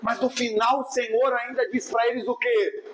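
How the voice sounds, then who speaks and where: High-voiced Brazilian pastor preaching emphatically. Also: male voice, fairly even intonation, moderate pace, a bit bright, a little hiss or hum, poor audio. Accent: Brazilian Portuguese. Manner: emphatic, keeps asking the congregation "are you understanding me, yes or no?"; acts out churchgoers' voices in quotes. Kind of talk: sermon.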